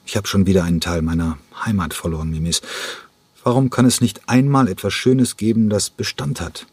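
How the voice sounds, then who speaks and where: A man's voice: on the low side, fairly even intonation, fairly quick, a little mellow, breathy edge, no room sound. A man voicing a heartbroken middle-aged ballet director, speaking in a tearful, weary lament. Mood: grieving.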